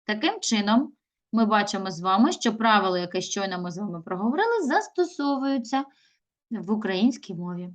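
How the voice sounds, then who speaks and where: A middle-aged woman teaches young children in a recorded video lesson. Her voice sits in an ordinary middle range. She often slows down to stretch words out syllable by syllable. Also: mid-range voice, sing-song. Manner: slow, drawn-out syllables when sounding out words. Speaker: primary school teacher.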